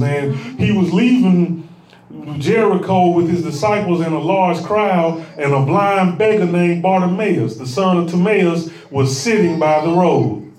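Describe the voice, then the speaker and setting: High-voiced preaching man in an echoey room. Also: recorded from a distance. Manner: preaching cadence, swells to shouts, acts out the crowd. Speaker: pastor. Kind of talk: sermon.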